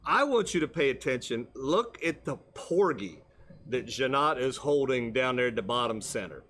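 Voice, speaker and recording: A man's voice: mid-range voice, lively intonation, normal speed, fairly bright tone. A man hosting a casual fishing chat as a charter captain, chuckling and often repeating "yeah, yeah.". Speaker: charter boat captain and host.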